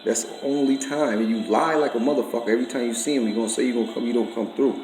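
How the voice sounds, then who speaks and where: A man's voice: medium pitch, steady tone, racing, darkish tone, roomy sound, soft background music, low-quality recording. A man speaking, ranting to the camera with profane, accusatory street slang. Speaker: vlogger. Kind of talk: confrontational rant to camera.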